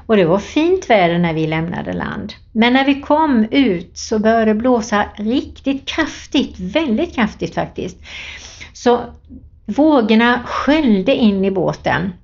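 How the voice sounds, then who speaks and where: A woman's voice: fairly high pitch, expressive, a little mellow. Earnest woman giving a devotional talk. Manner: earnest, plain storytelling. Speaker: lay preacher. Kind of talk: devotional talk with Bible reading. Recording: dull lo-fi recording.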